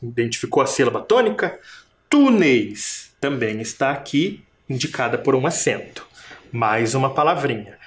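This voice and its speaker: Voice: mid-range voice, lively intonation, moderate pace. A primary school teacher giving a recorded video lesson, patiently stretching words out and sounding out each syllable while asking the children questions. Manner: patient, asks the class questions.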